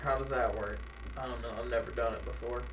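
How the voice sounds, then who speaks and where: A man's voice: medium pitch, fairly even intonation, quick pace, reverberant, muffled recording, a little hiss or hum. A man chatting casually on a podcast, reacting with swearing and laughter. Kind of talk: casual chat.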